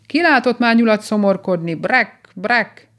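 A woman voicing a jolly old toad in a storybook reading, croaky and unpleasant-sounding, teasing and chuckling as it talks. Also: mid-range voice, animated, fairly bright tone, pitched above the performer's own voice, lightly acted. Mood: scolding. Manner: mocking, chuckling.

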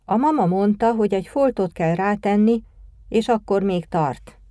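A woman's voice: mid-range voice, dark tone, dry recording, close to an everyday voice. Small shabby boy, pleading, hesitant, storybook reading, woman reader, dry close sound. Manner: unsure, pleading. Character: shabby timid young boy.

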